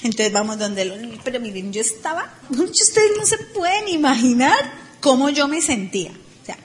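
High-voiced Colombian woman, animated, sarcastic anecdote. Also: moderate pace. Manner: animated, sarcastic, acts out people. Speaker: storyteller. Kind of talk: casual anecdote telling.

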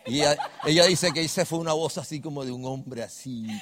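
A middle-aged man, telling a personal story to a live audience in an animated way and speaking to them directly. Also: fairly high pitch, a little fast, long reverb tail, noisy background.

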